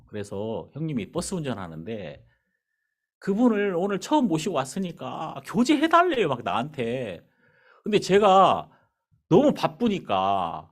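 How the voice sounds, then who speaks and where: A male pastor preaching in a church, telling a story with acted-out dialogue. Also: a little high. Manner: animated storyteller acting out dialogue. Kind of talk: sermon with storytelling. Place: church sanctuary.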